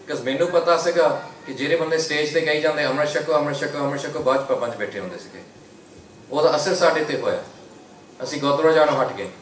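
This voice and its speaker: Man, Sikh preacher, exhorting lecture, raised pitch, distant mic, echoey room, faint hiss. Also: brisk, a bit bright. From United Kingdom. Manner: exhorting, repeats slogans in English between Punjabi. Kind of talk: religious lecture to a congregation.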